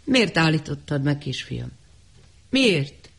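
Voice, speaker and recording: A man's voice: fairly high pitch, big pitch swings, gravelly, fairly bright tone, husky, heavily acted. A man playing a worried elderly mother who keeps anxiously asking questions.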